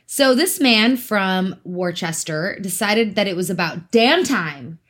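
A woman's voice: mid-range voice, lively intonation, slow, a bit bright. A woman from Africa, hosting a casual true crime podcast in a chatty, giggly way with teasing asides. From South Africa. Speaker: podcast host.

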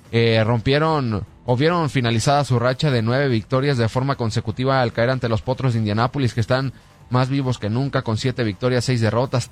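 Male sports radio host, mid-pitched, brisk rundown read, light music bed. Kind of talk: sports news rundown and interview.

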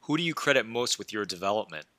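A man's voice: lowish voice, expressive, fast, pushed and bright, no room sound. A man hosting a podcast, asking polished, prepared questions of a guest. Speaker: podcast host. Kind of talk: scripted interview questions.

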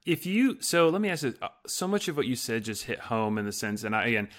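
A man's voice: mid-range voice, sing-song, fast talker, a bit bright. A man in his thirties hosting a podcast, asking long, rambling questions full of fillers. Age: 30s. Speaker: podcast host. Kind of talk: casual podcast interview.

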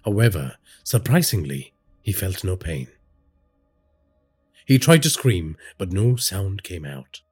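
A man's voice: sits low, slow pace, long pauses, slightly rough, soft background music. A man narrating a scripted horror story, telling it dramatically. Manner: dramatic storytelling with lively inflection.

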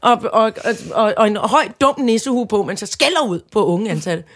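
A woman in her fifties from Denmark, co-hosting a casual comedic chat, telling stories with animated rants. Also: mid-range voice. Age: 50s. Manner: animated storytelling with loud mock-angry outbursts and put-on voices. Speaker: podcast co-host.

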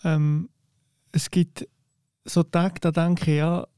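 Very dark-toned, higher-pitched Swiss German man. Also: flat delivery, takes it slowly, smooth, no echo, clean studio sound. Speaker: football panellist. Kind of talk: casual discussion.

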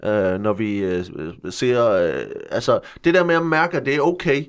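For a deadpan comedy interview, a thirties-aged male guest takes on the role of a sincere workshop leader pushing crude national pride, halting and packed with fillers. His voice is medium-pitched, clear and resonant, near an everyday voice.

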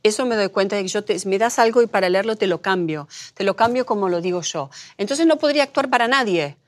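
Middle-aged Argentine woman, interview guest, animated storyteller who acts out quotes. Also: mid-range voice, fast. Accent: Argentine Spanish. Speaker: guest, producer. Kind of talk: conversational interview.

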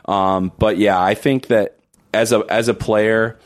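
A man talking as a guest on a casual podcast, hoarse from a cold, speaking haltingly with many restarts. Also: on the low side, fairly even intonation, no room sound. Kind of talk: casual chat.

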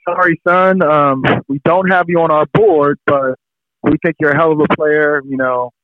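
A loud, hurried team official barking over a crowded room, as a man puts him on. The voice sits much higher than the teller's own and comes through a tinny, phone-like line with a dry sound. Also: fairly even intonation, no echo, natural voice. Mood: brusque. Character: brusque male football team official on a phone.

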